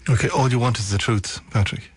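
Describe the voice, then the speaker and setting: An Irish man interviewing on radio, putting serious questions in a probing, deliberate way. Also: mid-range voice, steady tone, slightly rough, no room sound. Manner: probing, deliberate, rephrases back to the guest.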